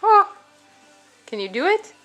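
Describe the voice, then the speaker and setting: A woman's voice: fairly high pitch, measured pace, a bit bright, faint music behind. A woman filming a toddler at home, cheering him on in encouraging sing-song baby talk. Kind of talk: home video, talking to a small child.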